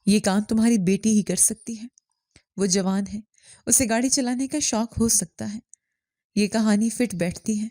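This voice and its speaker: A woman voicing a scheming, threatening rich woman who bullies and bribes in a calm, dark voice. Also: mid-range voice, no echo, clean studio sound, natural voice. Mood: scornful. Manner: threatening, coaxing.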